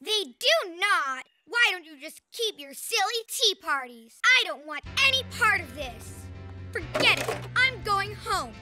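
A woman's voice: extremely high pitch, sing-song, measured pace, over music, exaggerated voice. A woman voicing a brash young girl in a children's cartoon who is blunt and rowdy but learning to be polite. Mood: indignant. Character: brash girl, quick-tempered then sheepish.

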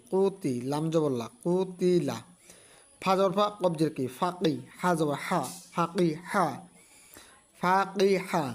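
A man teaching Quran reading, slowly spelling out letters and syllables one at a time and calling his viewers dear friends. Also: fairly high pitch. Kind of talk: spoken tutorial lesson.

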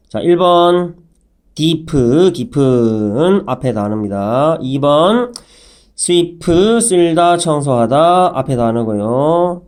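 Male phonics teacher, slightly high voice, very slow and careful, spells words letter by letter. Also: darkish tone. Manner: spells words letter by letter, with a pun now and then. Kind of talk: slow, clear vocabulary lesson.

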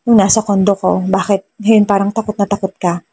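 A woman's voice: medium pitch, flat delivery, fairly quick, mellow. A woman voicing a grumpy young husband. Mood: worried. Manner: irritated, gruff. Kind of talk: storybook narration.

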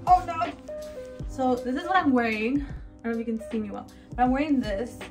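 Young woman vlogger, somewhat high voice, chatty and giggly, handheld camera on the move, music under her. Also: a little fast, rough recording. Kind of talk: casual vlog chat to camera. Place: home kitchen, then streets, subway station and shops. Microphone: handheld camera at arm's length.

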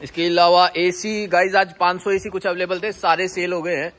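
A man in his thirties from India talks straight to his phone camera while he tours a busy warehouse yard. His voice sits a little high for a man, and his delivery is a quick, friendly sales pitch that keeps calling out to the viewers. It has the loose, on-the-move sound of a handheld selfie video. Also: level tone, a bit bright, no room sound. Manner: brisk salesman pitch, addresses viewers as guys. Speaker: wholesale electronics seller, vlog host. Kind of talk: casual walk-through sales vlog. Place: large warehouse and loading yard, partly outdoors.

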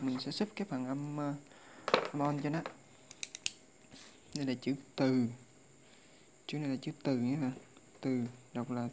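A tutor gives a casual lesson, slowly reciting and repeating readings as a drill. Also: mid-range voice, darkish tone, slight background noise. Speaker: language tutor.

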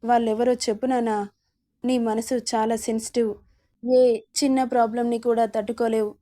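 A woman's voice: a little high, level tone, normal speed, mellow, close to an everyday voice. A woman voicing a protective middle-aged father questioning his upset son. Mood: concerned. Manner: concerned, reassuring.

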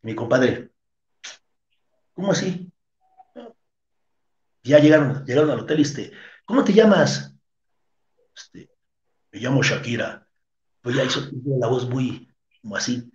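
A man's voice: mid-range voice, lively intonation, a little slow, long pauses, a little mellow. A man with a Mexican accent, a wrestler guest in an interview, tells a rambling, crude, slang-heavy story and acts out the voices of the people in it. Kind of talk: casual storytelling. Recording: roomy, muffled lo-fi sound.

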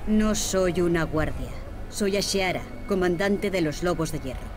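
A woman's voice: fairly low pitch, expressive, a little slow. A woman voicing a proud, stern mercenary commander in a video game, firm and formal.

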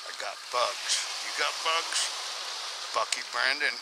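A man, talking to an action camera on a tripod as he cooks on a rocky shore. His voice is gravelly and his pace unhurried. Loud outdoor noise sits under the whole recording. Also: mid-range voice. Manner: slow, relaxed, talking to the camera while cooking. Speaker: outdoor vlogger. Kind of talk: casual outdoor cooking vlog.

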